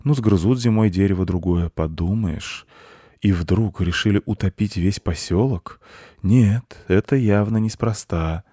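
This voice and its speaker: A man voicing a clever male cat who talks softly, slyly and like a know-it-all. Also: on the low side, a little slow, breathy edge, dry recording, clean studio sound. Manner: soft, ingratiating, know-it-all.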